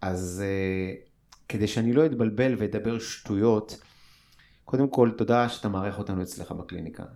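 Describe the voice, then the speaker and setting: A man's voice: lowish voice, dark tone. A man interviewing a guest in casual chat, informal and self-deprecating, putting things in a layman's words.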